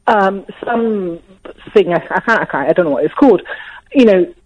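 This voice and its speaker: A middle-aged Nigerian-accented woman calls in to a radio show, upset and emotional, repeating herself and restarting sentences. Her mid-range voice is slightly mellow with lively intonation at a normal speed, heard through a muffled phone line.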